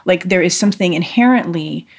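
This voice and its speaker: A co-host with a mid-range voice talks through a casual podcast discussion. The speech comes quickly, full of restarts and offhand swearing. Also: mid-range voice, slight background noise.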